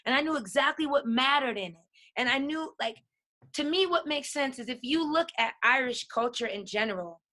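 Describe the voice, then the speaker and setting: Woman guest going off passionately, high and bright voice, keeps saying right?. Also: lively intonation, normal speed. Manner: emphatic, keeps asking "right?". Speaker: podcast guest. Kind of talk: passionate conversation.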